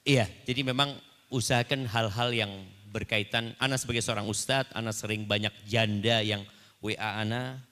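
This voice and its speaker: A man's voice: lowish voice, steady tone, moderate pace, sharp tone, big-room sound. A man speaking as an ustadz on a panel, giving religious advice to a congregation in a light, joking manner.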